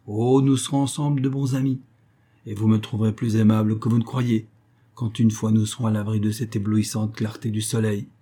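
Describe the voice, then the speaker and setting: Man reading as a coaxing, boastful underworld king in a storybook, raised voice, mellow and husky tone. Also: on the low side, level tone, brisk, natural voice. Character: smooth, possessive male king of the underworld.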